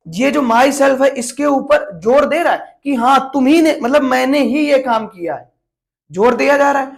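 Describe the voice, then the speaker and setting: Woman, grammar teacher, high voice, unhurried, repeats herself, rhetorical questions. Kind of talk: explaining a lesson for board exam students.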